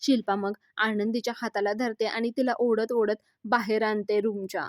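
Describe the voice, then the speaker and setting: A woman's voice: mid-range voice, fairly even intonation, moderate pace, no echo, clean studio sound. A woman retelling a TV serial episode, acting out the characters' lines with emotion. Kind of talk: retelling a TV episode with acted dialogue.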